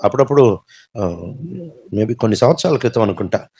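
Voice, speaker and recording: A young man, telling his personal faith testimony in animated storytelling that swings between loud emphasis and quiet reflection. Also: mid-range voice, brisk, breathy edge. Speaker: testimony speaker.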